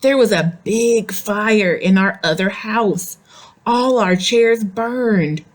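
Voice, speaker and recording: Reading to young children from a picture book, this storyteller speaks slowly in a medium-pitched woman's voice. She reads expressively, pausing for simple questions and little explanations along the way.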